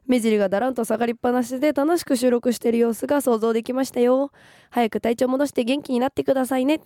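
A young woman from Gifu, hoarse from a cold, with a Nagoya-tinged accent, co-hosting a radio show, reading listener messages and giggling politely. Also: a little high, fairly even intonation, fast talker, mellow, no echo, studio quality. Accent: Nagoya-tinged Japanese. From Gifu, Japan. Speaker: radio co-host. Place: radio studio.

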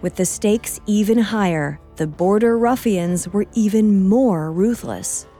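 A woman co-hosting a history podcast, reading a script in a measured way. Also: mid-range voice, mellow. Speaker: podcast co-host. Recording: faint music bed.

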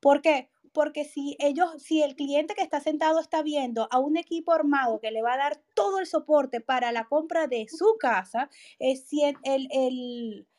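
A woman's voice: sits high, normal speed, hardly any pauses, darkish tone. A woman hosting a panel talk, affirming and building on the guest's points. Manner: agreeable, affirming, encouraging. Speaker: host. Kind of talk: panel conversation.

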